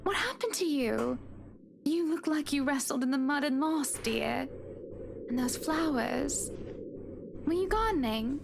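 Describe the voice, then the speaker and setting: Woman doing a soft, high Hana. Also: animated, unhurried, vocal fry, long pauses, background noise, heavily acted. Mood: concerned. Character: gentle, polite young woman Hana.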